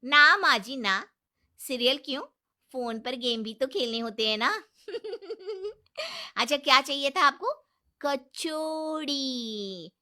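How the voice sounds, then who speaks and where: A woman voicing a bold, sharp-tongued young daughter-in-law who talks back defiantly and loudly. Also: high voice, big pitch swings, normal speed, pitched above the performer's own voice, exaggerated voice. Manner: defiant, sassy, loud retorts.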